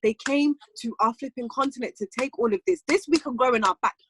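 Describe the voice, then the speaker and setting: A woman's voice: high-pitched, fast, fairly bright tone, a little hiss or hum. A woman co-hosting a casual chat, talking with passion and firing off emphatic rhetorical questions. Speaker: co-host.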